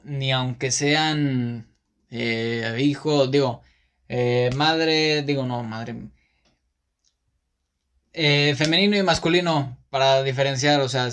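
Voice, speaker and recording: A man's voice: a little high, a bit bright. A man with a Mexican Spanish accent talks through a casual podcast monologue. He rambles along, often stopping to correct himself and filling the gaps with "eh" and "pues". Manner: rambling, self-correcting with many fillers. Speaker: podcast host.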